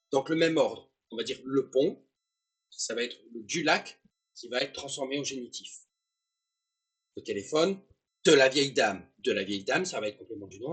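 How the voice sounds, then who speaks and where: A man's voice: mid-range voice, a bit bright, breathy edge. A man giving a casual, joking online lesson, with rambling asides to his viewers. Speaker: German teacher.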